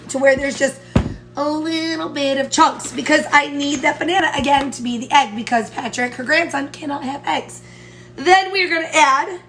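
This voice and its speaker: Stuffy-nosed, high-voiced chatty woman. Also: fairly bright tone. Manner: chatty and upbeat, talks through each step. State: nasal, stuffy from allergies. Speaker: home baking vlogger. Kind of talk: casual cooking tutorial chat.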